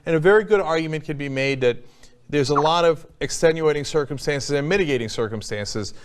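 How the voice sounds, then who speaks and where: A man's voice: a little high, brisk, smooth. A man hosting a casual talk show, giving blunt opinions, swearing freely, with lots of fillers and restarts. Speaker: host.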